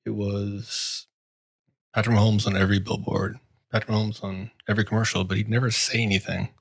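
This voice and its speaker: A man's voice: on the low side, flat delivery, brisk, creaky, slightly rough, no echo. A man co-hosting a casual sports podcast, talking in a sarcastic, wry and complaining way. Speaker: podcast co-host.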